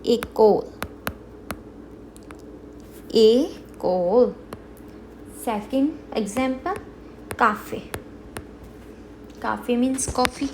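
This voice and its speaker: A woman gives a beginner language lesson at a slow, deliberate pace, repeating each example word. Her voice sits a little high. The recording carries a steady background noise. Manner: slow, careful teaching with repeated example words. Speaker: French teacher.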